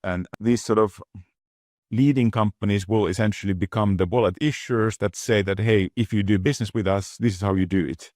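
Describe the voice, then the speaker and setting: Male exec guest, deep voice, deliberate and halting delivery, dry sound. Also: steady tone, a little mellow, no room sound. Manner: measured, thoughtful, frequent restarts and repeated words. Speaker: guest executive. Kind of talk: business interview.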